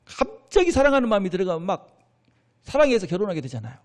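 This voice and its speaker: A man's voice: high-pitched, fast. A middle-aged male pastor preaching a sermon in a church, asking the congregation questions and answering them himself. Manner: animated preaching with call-and-response questions to the congregation. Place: church sanctuary.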